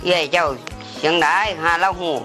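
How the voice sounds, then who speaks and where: Woman as reluctant, scolding villager for Thai slapstick; Isan accent, slightly low voice. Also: level tone, normal speed, pushed and bright, low-quality recording. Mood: indignant, grudging. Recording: faint music and crowd behind.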